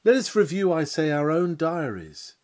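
A man's voice: fairly high pitch, big pitch swings, normal speed, a little mellow. A man delivering a sermon in solemn, old-fashioned biblical language, full of rhetorical questions. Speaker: preacher. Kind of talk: sermon reading.

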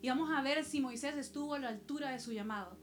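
A woman's voice: high voice, fast talker, faint music behind. A woman pastor from El Salvador, preaching a sermon with personal stories and rhetorical questions to the congregation.

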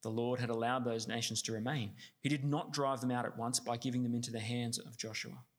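A man's voice: mid-range voice, fairly even intonation, fairly quick. A man reading scripture steadily, then preaching with many fillers and restarts.

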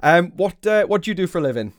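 A man's voice: sits high, big pitch swings, fast talker, dry recording, studio quality. A man hosting a podcast, talking in a chatty, informal way as he gives commentary and asks questions. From the Wirral, north-west England. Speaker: podcast host. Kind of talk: conversational quiz recap and interview.

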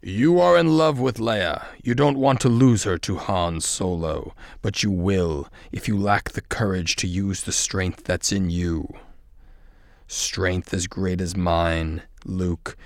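Darth Vader, read by a man, deep and gravelly. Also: steady tone, no echo, clean studio sound. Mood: commanding. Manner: slow, persuasive, measured line reading. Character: menacing dark male lord, tempting, commanding. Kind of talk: script table read.

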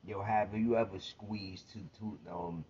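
A man's voice: fairly low pitch, steady tone, measured pace, warm tone. A man in casual banter, emphatic and swearing freely, repeating himself to make his point. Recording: dull lo-fi sound with faint noise.

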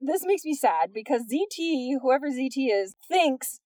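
A young adult woman with a fairly high voice co-hosts a casual podcast and reads reviews aloud in a lively, mocking tone. She laughs often as she talks. The sound is dry, and she sits a little back from the mic. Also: measured pace, dry recording, distant mic. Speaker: podcast co-host.

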